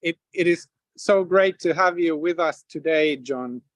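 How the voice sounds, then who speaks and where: Host, male, from Finland, halting delivery with restarts, dry close sound. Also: fairly high pitch, no room sound, low-quality recording. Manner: halting, many repeated words and fillers. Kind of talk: hosting a community video event.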